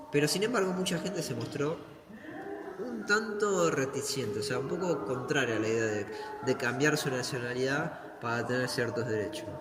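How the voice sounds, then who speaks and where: A medium-pitched man speaking Argentine Spanish guides visitors through a museum hall, explaining along the way and answering questions he raises himself. The audio has heavy echo and loud background noise.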